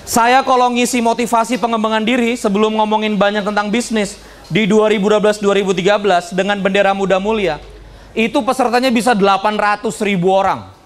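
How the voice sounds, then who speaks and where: Man, very high voice, business seminar speaker, lively, joking. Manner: lively, joking, addresses the audience directly. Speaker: business speaker and motivational trainer. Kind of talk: seminar talk to an audience.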